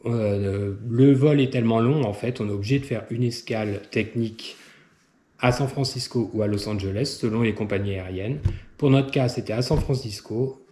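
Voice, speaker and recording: Man, casual travel vlogger, mellow tone, hesitant, echoey room. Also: medium pitch, moderate pace. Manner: hesitant, many filler sounds, step-by-step advice. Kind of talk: casual explanatory travel guide. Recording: roomy echo.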